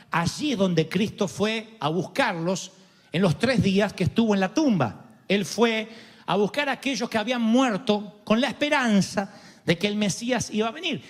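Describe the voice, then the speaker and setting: An Argentine man preaches with a high, very expressive voice that climbs and dips as he jokes through stories. His sermon rings out in a large, echoing hall. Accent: Argentine Spanish. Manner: animated, joking storytelling preacher. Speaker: pastor.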